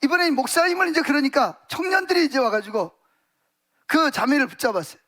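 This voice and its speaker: A male pastor preaches in a church. His voice sits very high for a man. He tells stories vividly and packs his sentences with emphatic fillers. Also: animated, a little fast, a bit bright. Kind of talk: sermon.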